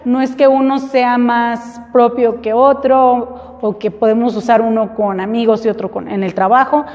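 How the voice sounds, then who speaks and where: A woman's voice: on the high side, little pitch movement, a little mellow. Woman, english teacher, lesson in spanish, repeat-after-me drills, long room reverb. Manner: slow, clear drilling with repeat-after-me prompts.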